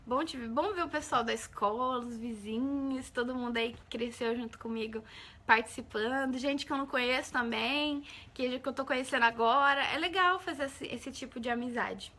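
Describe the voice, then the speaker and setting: A woman's voice: high voice, normal speed, sharp tone. A Brazilian woman hosting a casual live stream, chatting with viewers, greeting them by name and often checking "entendeu?". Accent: Brazilian Portuguese.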